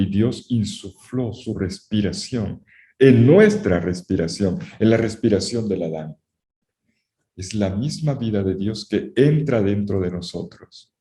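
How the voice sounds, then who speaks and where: A man with a low, mellow voice lectures on the Bible to a class, repeating his key phrases for emphasis. He turns to the students often and warns them directly. The recording sounds roomy and echoey.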